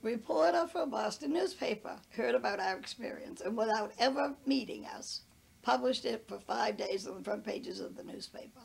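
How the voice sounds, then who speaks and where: Husky, gravelly older woman telling a story. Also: on the high side, expressive, moderate pace. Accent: New England American. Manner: earnest, anecdotal, quotes others in retelling. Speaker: interviewee. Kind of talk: casual storytelling in an interview.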